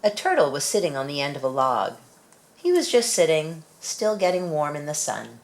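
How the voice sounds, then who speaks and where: Reading a picture book aloud to young children, a woman tells the story expressively in a low-pitched, deep female register. She keeps a moderate pace as the storybook reader.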